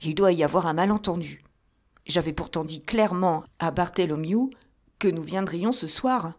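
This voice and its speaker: A woman voicing a nervous, fussy gentleman who speaks insistently in a raised, higher voice. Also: normal speed, lightly acted. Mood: uneasy. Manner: fretful, insistent.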